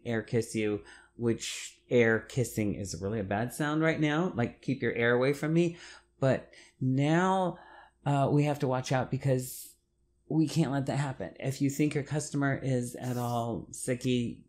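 Seated in a small room, a middle-aged hairdresser gives advice straight to camera in a talking-head video. His voice is mid-range and a little mellow, and he stresses points by repeating words and gesturing as he speaks.

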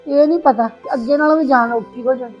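High-pitched, long-suffering Punjabi aunty, acted by a woman. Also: fast, lightly acted. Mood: weary sorrow. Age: middle-aged. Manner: plaintive Punjabi aunty wailing and grumbling. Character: long-suffering Punjabi aunty, aggrieved mother-in-law, lamenting and complaining. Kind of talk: amateur family drama acting. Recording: dull lo-fi sound with background music.

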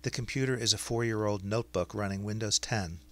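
A man narrating a scripted explainer as a software demonstrator. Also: fairly low pitch, steady tone, a little fast.

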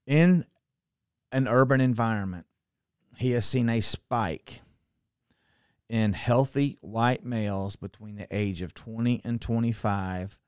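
A middle-aged man telling a story on a podcast in a book-lined study, speaking into a boom mic, animated and given to restarts, his voice dropping quietly at the ends of phrases. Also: slow pace, pauses often, clean tone, dry recording, studio quality. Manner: animated, gestures a lot, restarts and trails off quietly. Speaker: podcast guest. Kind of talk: storytelling conversation. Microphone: studio mic on a boom arm.

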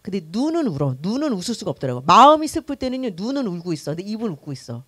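A middle-aged woman pastor teaching a church class for new members in a lively, conversational way, acting out the quotes she tells. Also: mid-range voice, racing, slightly rough, no room sound. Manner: conversational, animated, acts out quotes.

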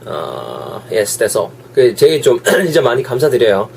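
A young man with a Gyeongsang Korean accent teaching English in a casual online lesson, his throat sore and coughing, chatty and switching to slow drawn-out English examples. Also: mid-range voice, huge pitch swings, gravelly, darkish tone, slight background noise. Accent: Gyeongsang Korean dialect.

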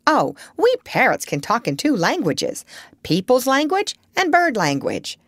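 A woman voicing a clever, proud female parrot in a children's storybook, high-voiced, insistent and fond of instructing. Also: wildly swooping pitch, a little slow, fairly bright tone, no echo, studio quality, heavily acted. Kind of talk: children's storybook character reading.

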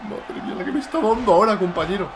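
A young man from Spain with a Spanish accent, giving loud, excited commentary on his own gameplay, shouting and swearing at his opponent. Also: high-pitched, fast, a faint crowd, a little hiss or hum. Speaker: gaming YouTuber.

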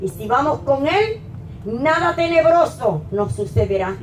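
A middle-aged woman pastor preaching a sermon at a pulpit into a handheld mic, rising to emphatic peaks and then dropping low. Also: lively intonation, measured pace, a little hiss or hum. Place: small church hall, at a wooden pulpit. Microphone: handheld mic, filmed from a distant camera. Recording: echoey church hall from far off.

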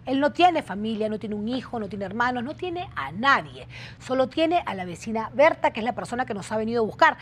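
A woman hosting a television talk show, speaking emphatically and repeating key phrases for dramatic weight. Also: sits high. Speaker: TV show host.

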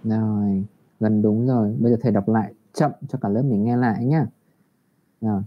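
A man's voice: on the low side, fairly even intonation, slight background noise. Patient man teaching kids English online. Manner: patient, encouraging, reads English models slowly. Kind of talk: online English lesson for primary children. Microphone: computer mic on a video call. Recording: dull lo-fi video call audio.

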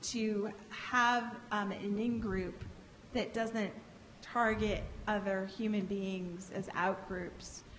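A woman's voice: medium pitch, steady tone, fairly bright tone. Woman panelist in a reverberant hall. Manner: measured and explanatory, with frequent restarts. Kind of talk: conference panel discussion. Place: large conference hall stage. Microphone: microphone on a table stand. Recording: reverberant hall, faint background hiss.

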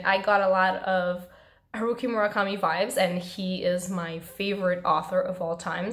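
A young woman with a hoarse, strained voice, chatting expressively to camera as she reviews books in a room at home. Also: medium pitch. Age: young adult. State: hoarse, losing her voice. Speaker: book reviewer and channel host. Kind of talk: casual chat to camera, book review.

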